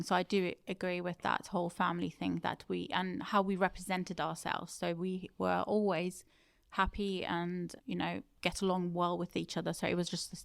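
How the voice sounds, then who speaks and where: A woman in her thirties, born in Turkey and raised in the UK, speaks as an interview guest in a reflective conversation, thoughtful and often correcting herself. Her voice is lowish and creaky, recorded with clean studio sound and no room sound.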